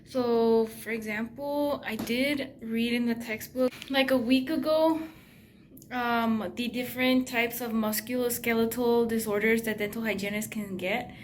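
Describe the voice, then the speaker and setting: A woman's voice: fairly high pitch, steady tone, a little slow, slight background noise. A woman dental hygiene student chatting casually to her viewers in a vlog, talking straight to the camera about her week. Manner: chatty, addresses viewers directly.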